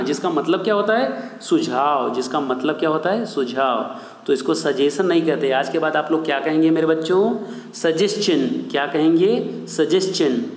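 A man's voice: a little high, a little mellow. A man teaching an online English pronunciation lesson, who addresses viewers as his children and friends, asks himself questions and repeats each answer. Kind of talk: online video lesson in Hindi. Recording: echoey room with long reverb.

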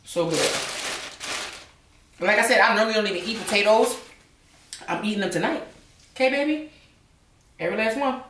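A woman's voice: mid-range voice, rapid-fire, fairly bright tone, a little hiss or hum. A young woman vlogger chatting casually at home while she eats, sometimes talking with her mouth full. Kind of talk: casual chat while eating. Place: home, indoors. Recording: roomy, from a distance.

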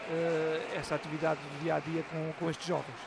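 A man with a Portuguese accent co-commentating on a live match, analysing play in halting, repetitive phrases. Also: on the high side, little pitch movement, creaky. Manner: halting, searching phrasing with repeated words. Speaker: sports co-commentator. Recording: very noisy sports hall ambience. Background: sports hall noise, bouncing sounds.

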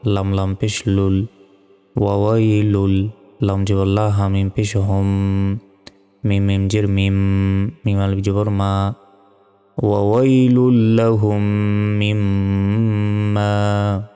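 A man leads a Quran reading lesson, spelling the Arabic out syllable by syllable at a very slow, deliberate pace. His voice is low, flat and smooth. Long reverb hangs on every word, with faint music underneath. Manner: slow, deliberate spelling drill with drawn-out chanted recitation. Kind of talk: spelling out Quranic Arabic letter by letter, then slow melodic recitation.

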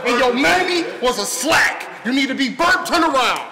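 A man with a very high, lively voice hurls brash battle-rap insults, often shouting. His pitch swings widely from line to line. A loud, roaring crowd cheers all around him at a live event. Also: normal speed. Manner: brash, taunting, punchlines shouted over crowd reactions. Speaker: battle rapper. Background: loud crowd reacting.

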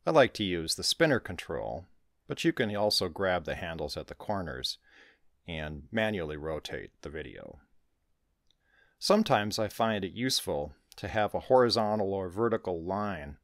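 Low-voiced guy doing a computer how-to voice-over, calm step by step, dry close sound. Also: dry recording. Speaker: tutorial host. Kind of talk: screen-recorded software tutorial.

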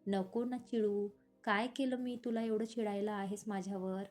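A woman reading as a lively young wife. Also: mid-range voice, normal speed, soft background music, natural voice. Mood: pleading. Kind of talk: storybook reading.

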